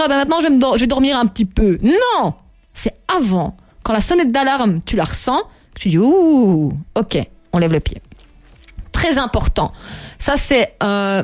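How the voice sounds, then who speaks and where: A woman's voice: medium pitch, no echo. A woman hosting a show and giving casual, joking advice, who often repeats herself and breaks off mid-sentence. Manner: animated, jokey, self-interrupting, repeats herself. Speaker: host. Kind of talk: casual motivational talk.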